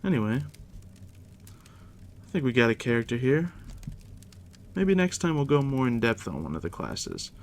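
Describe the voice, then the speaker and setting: Against steady crackling firelight ambience, a man's deep, hushed near-whisper carries an ASMR game master roleplay for a new player. He speaks slowly and casually, with dry teasing humor.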